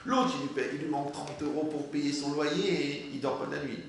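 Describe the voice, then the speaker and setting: A man giving a religious class, animated and humorous, asking his listeners rhetorical questions. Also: fairly high pitch, brisk, creaky. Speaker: Torah teacher. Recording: very echoey room, faint noise.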